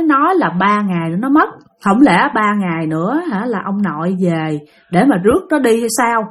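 A woman's voice: on the high side, a bit bright. A woman telling ghost stories in a chatty, casual way, full of filler particles and asides to her listeners. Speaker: storyteller. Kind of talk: casual spoken storytelling.

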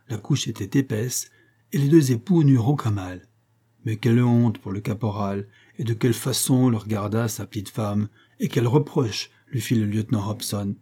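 Mellow-voiced male audiobook narrator. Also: mid-range voice, breathy edge. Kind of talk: scripted narration.

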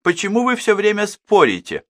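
A man's voice: high-pitched, huge pitch swings, normal speed, no echo, clean studio sound, pitched above the performer's own voice, heavily acted. A man voicing a timid, plaintive old aunt who keeps asking to try the wine. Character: meek old aunt, the younger sister.

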